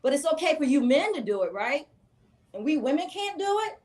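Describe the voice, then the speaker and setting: A woman's voice: sits high, very animated, brisk, darkish tone. Outspoken woman. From rural American South. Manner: emphatic, outspoken. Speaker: talk show guest. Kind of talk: opinionated casual panel talk.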